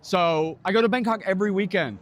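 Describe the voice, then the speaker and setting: An American man vlogging at an outdoor car event, speaking slow, simplified English to a local guest. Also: sits high. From United States. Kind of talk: casual chat. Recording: noisy outdoor event sound.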